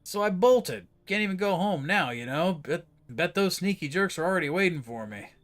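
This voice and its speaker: A man's voice: high-pitched, expressive, moderate pace, a bit bright, pitched above the performer's own voice. A man voicing a nervous, rambling male cabbie on the run in a horror game, talking in loose slang. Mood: jittery.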